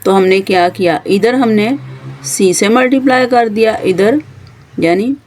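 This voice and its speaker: A woman's voice: mid-range voice, a little slow, a little mellow. A woman with a Pakistani Urdu accent teaching a math lesson, patiently explaining each step and pointing at the board as she goes. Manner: patient, stepwise explanation with frequent pointing words.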